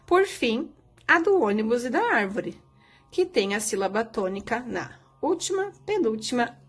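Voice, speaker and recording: A woman teacher patiently explaining a primary school lesson, asking the children questions. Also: on the high side. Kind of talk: recorded remote lesson.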